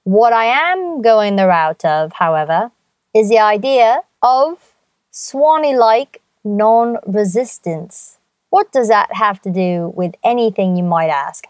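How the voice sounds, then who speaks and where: A woman's voice: a little high, dry recording. A woman hosting her own podcast, talking in a playful, theatrical way with jokey asides. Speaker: podcast host. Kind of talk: chatty solo podcast monologue.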